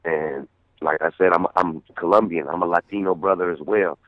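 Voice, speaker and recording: A low-voiced man calls in to a radio interview, speaking earnestly and circling back over his words as he thinks. The sound is thin and tinny like a phone line, and very dry. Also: fairly even intonation, normal speed, dry recording. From San Francisco, USA. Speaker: guest artist.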